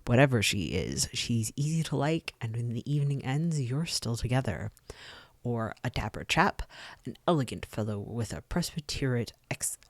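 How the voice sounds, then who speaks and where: Brief: let's-play host narrating game text with casual asides, mid-pitched voice, dry close sound. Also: no room sound. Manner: reads the game text aloud with frequent ums and side comments. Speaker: streamer playing a video game.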